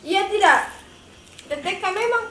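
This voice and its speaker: A woman's voice: very high-pitched, lively intonation, measured pace, a bit bright. A young woman chats casually while eating. The room is echoey and noisy, with dishes clattering.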